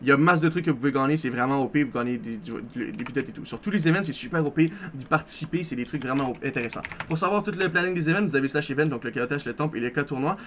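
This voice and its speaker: A man's voice: medium pitch, very fast, hardly any pauses, fairly bright tone, a little hiss or hum. A young man, casually walking viewers through his game server with rambling, self-correcting asides. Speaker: server owner giving a tour. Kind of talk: casual gameplay walkthrough.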